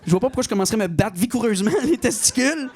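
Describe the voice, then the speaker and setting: A middle-aged man from Quebec with a Québécois accent, performing a stand-up comedy routine with mock outrage and high-pitched punchlines. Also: lively intonation, racing, darkish tone, breathy edge. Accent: Québécois French. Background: audience laughter.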